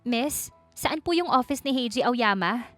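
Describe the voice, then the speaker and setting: A woman voicing a shy, heartbroken young heiress who speaks softly and pleadingly. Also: a little high, animated, measured pace, dry recording, soft background music. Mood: determined. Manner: tearful, soft and pleading.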